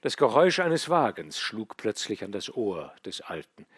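A man narrating a classic novel in a measured, even storytelling voice. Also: on the low side, breathy edge, no room sound, studio quality. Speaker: audiobook narrator. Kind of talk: scripted literary narration.

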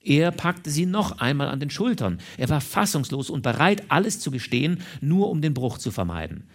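Expressive male audiobook reader. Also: fairly high pitch, moderate pace. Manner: expressive, dramatic. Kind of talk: literary audiobook narration.

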